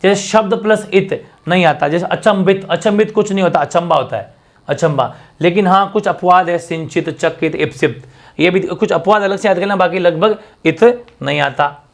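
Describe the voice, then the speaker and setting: A man teaching a fast exam-prep grammar lesson, drilling examples and asking rhetorical questions. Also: high voice.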